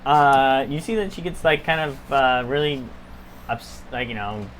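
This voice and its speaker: A game master narrates the scene for the players, pausing often and filling gaps with little hesitations. The pitch rises and falls a lot. A faint noise hangs in the background. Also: lively intonation, fairly bright tone. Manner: hesitant, full of fillers.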